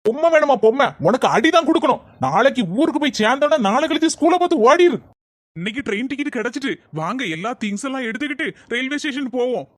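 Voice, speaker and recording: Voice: high voice, lively intonation, quick pace, no echo. A performer voicing a doting father in a cartoon, with a Tirunelveli-Kanyakumari Tamil accent, coaxing his little daughter and stern with his son.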